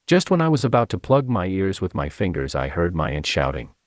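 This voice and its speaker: A man from China, narrating his memoir as an audiobook in an expressive storytelling manner. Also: sits low, a little fast, no echo, studio quality.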